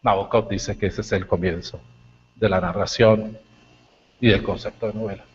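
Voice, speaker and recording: A man giving a university lecture, telling stories with animated, shouted bits. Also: fairly low pitch, normal speed, lo-fi sound, a little hiss or hum. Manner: animated storytelling, shouts acted lines. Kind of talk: lecture talk.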